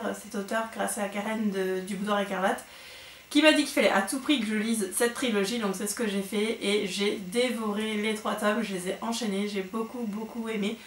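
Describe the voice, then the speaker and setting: A woman giving a casual monthly book recap on her vlog, chatty and hesitant with frequent fillers and restarts. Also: medium pitch. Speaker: book vlogger. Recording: echoey room with faint noise.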